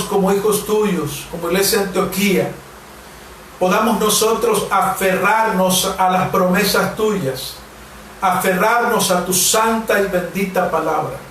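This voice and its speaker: A man in his forties from Mexico preaches and prays as a pastor, his voice pitched high for a man. He leans on slow, earnest repetitions, one phrase after another. The mic sits some distance away in a very echoey room with a faint hiss behind him. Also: fairly bright tone. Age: 40s. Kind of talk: sermon and prayer.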